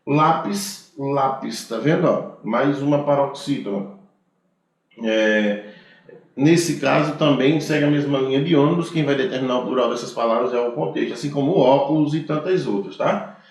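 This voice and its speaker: A man's voice: mid-range voice, normal speed. A male teacher with a Brazilian Portuguese accent giving a grammar lecture, explaining rules step by step and often checking in with "tá certo?". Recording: very echoey room.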